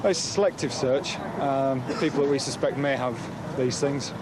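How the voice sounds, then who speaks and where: A man's voice: medium pitch, normal speed. A male police officer hesitantly explaining procedures in an interview. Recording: very loud outdoor engine noise.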